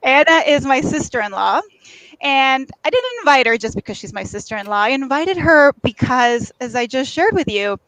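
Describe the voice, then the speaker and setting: A woman's voice: high voice, expressive, normal speed, a bit bright, poor audio. A woman from Mexico who works as a life coach, hosting a conversational livestream. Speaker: host, life and career coach. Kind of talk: conversational livestream monologue and interview. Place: at a beach.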